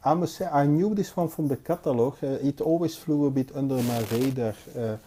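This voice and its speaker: A knife collector from Belgium does casual, hands-on review commentary indoors at a table. His medium-pitched voice sounds mellow and dark, and his unscripted delivery is hesitant and halting.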